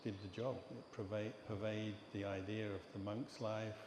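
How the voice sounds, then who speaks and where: Older English monk teacher, calm measured talk, low flat voice. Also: male voice. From England. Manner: calm, measured storytelling with pauses. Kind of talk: dharma talk. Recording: echoey hall with long reverb and background noise.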